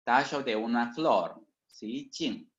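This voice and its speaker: Very slow halting male lecturer, dull sound. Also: medium pitch, expressive, fairly bright tone. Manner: constant tag questions, halting and self-correcting. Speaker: teacher. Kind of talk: online lecture. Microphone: video call.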